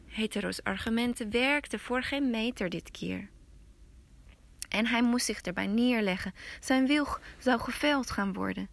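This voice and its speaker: A woman podcast host telling a folk tale slowly, often dropping to a hush. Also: a little high, gravelly. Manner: slow, hushed, often whispering. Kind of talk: storytelling narration.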